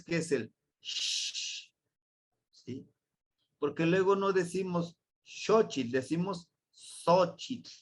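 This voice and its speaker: Slow, patient male language teacher. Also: a little high. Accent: Mexican Spanish. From Mexico. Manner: patient, repeats and spells out sounds, asks "¿no?". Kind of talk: slow classroom explanation.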